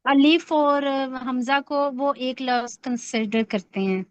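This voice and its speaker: A woman's voice: high-pitched, clear, resonant tone, muffled recording. A woman student answering a teacher's question in an online class, hesitant and searching for words.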